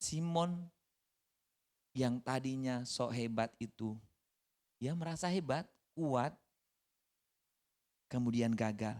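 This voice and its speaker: A preacher giving a conversational sermon, lively and acting out the dialogue. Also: mid-range voice, slow pace, pauses often.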